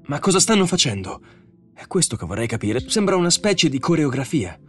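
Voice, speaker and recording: A frantic male astronaut, trapped under rubble, calling out in a raised, swooping voice, as a male audiobook narrator puts him on. His pitch climbs high and swings wildly from word to word. Faint music plays underneath. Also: brisk. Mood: puzzled. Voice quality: excitable, shouting. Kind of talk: audiobook character voice.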